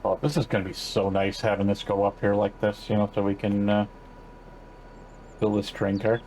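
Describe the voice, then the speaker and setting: A man's voice: on the low side, flat delivery, normal speed, darkish tone, slight background noise, poor audio. An older man casually commenting while playing a farming game, rambling along with lots of fillers and restarts. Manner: rambling, laid-back, many fillers and self-corrections. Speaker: gaming channel host.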